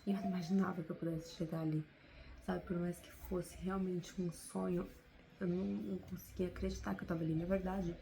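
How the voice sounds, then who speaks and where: A woman's voice: on the low side, flat delivery, a little fast, gravelly, noisy background. A woman with a Brazilian Portuguese accent, talking to camera in an unscripted, heartfelt motivational vlog, often adding little tag questions. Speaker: vlogger.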